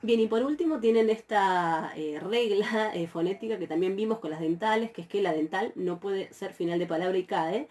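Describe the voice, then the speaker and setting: A woman's voice: medium pitch, moderate pace, few pauses, darkish tone. A woman from Argentina, teaching a university Greek grammar class with patient explanations and frequent fillers. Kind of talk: recorded lecture.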